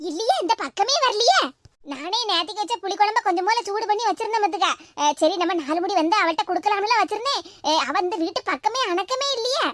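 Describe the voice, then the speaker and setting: A woman doing a squeaky, rapid-fire cartoon neighbor auntie with a Tirunelveli Tamil accent. She fusses with quick questions and homely chatter in a high, sped-up voice. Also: lively intonation, a bit bright, no room sound. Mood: curious. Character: concerned older neighbor woman, curious about gossip.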